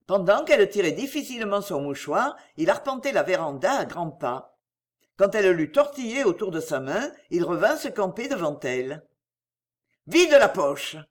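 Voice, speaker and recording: A woman narrating a classic novel as an audiobook, in an expressive storytelling manner. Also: medium pitch, moderate pace.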